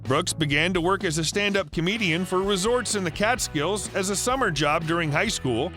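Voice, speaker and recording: A man reading a scripted biographical narration in an even, read-aloud way. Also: high voice.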